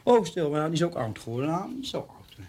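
A man's voice: fairly high pitch, big pitch swings, fast, a little mellow, breathy edge. A middle-aged man with a Dutch accent, interviewed on radio, talking in a theatrical, giggly, nervous way.

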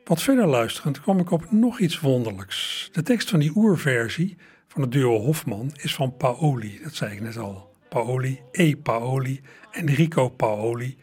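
A man's voice: medium pitch, animated, moderate pace, a little mellow, breathy edge. A man presenting old recordings to radio listeners in a chatty manner, speaking to them directly.

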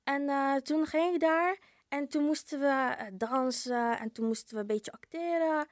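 A woman's voice: sits high, moderate pace, dry recording, studio quality. A young woman from Poland with a Polish accent, chatting casually and hesitantly with many fillers. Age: young adult. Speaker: panel guest. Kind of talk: casual chat.

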